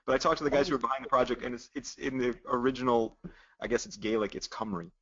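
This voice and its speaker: A man co-hosting a technical webcast, chiming in quickly with corrections. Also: mid-range voice, steady tone, a bit bright, lo-fi sound. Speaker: webcast co-instructor.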